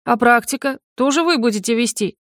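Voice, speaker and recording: A woman's voice: on the high side, a little fast, fairly bright tone, no room sound, studio quality, voice pushed up, close to an everyday voice. A woman voicing an eager young male student who keeps asking curious questions.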